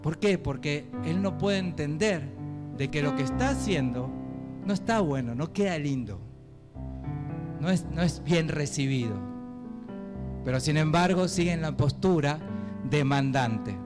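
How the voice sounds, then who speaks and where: A man with a Rioplatense accent preaching a sermon as pastor, animated and conversational, often asking the congregation questions. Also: a little high, a little slow, long pauses. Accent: Rioplatense Spanish. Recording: echoey hall with guitar music.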